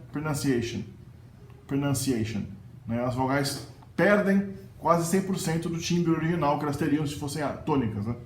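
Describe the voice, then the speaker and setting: A man with a Brazilian Portuguese accent giving a casual lesson, patiently repeating example words slowly. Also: fairly high pitch, darkish tone. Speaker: language teacher and mentor. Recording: echoey room with faint noise.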